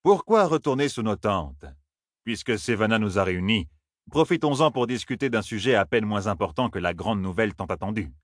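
Guy doing a cold sharp chief, calm measured talk, husky. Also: fairly low pitch, no echo, clean studio sound. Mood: calculating.

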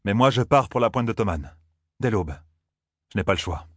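A man's voice: on the low side, expressive, normal speed, no echo, studio quality, pitched above the performer's own voice. A man voicing a resolute young hero who speaks with determined, earnest delivery, in a fantasy audiobook.

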